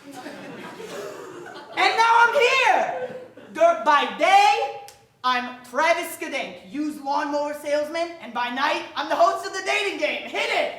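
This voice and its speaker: Woman playing a loud sleazy guy host, high voice, echoey theater. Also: lively intonation, normal speed. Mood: rambling. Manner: loud, rambling, breaks into laughter. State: winded. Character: brash sleazy male game show host, used lawnmower salesman. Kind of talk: live sketch comedy. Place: theater stage. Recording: roomy theater sound.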